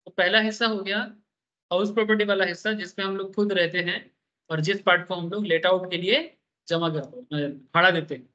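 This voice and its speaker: A man's voice: high-pitched, fairly even intonation, fairly quick, bright, forceful tone. A man teaching a tax class, playfully quizzing his students with repeated questions as he draws on a board. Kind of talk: classroom lecture with drawing. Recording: dull lo-fi recording.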